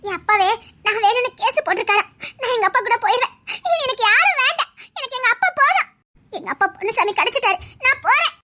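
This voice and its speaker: A piercing, very high and bright voice of a young woman in a TV serial, sobbing and pleading for her father. She shouts through her tears in raw anguish, with tense, shrill breaks. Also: expressive, quick pace, heavily acted. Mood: hopeful. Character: desperate young woman begging to see her lost father. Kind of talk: tearful TV serial acting.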